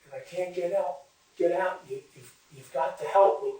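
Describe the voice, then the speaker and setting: A man's voice: high voice, moderate pace, warm tone, pitched above the performer's own voice, close to an everyday voice. A man voicing a panicked, trapped man who begs frantically for help. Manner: frantic pleading, raised voice. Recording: very echoey room, far from mic.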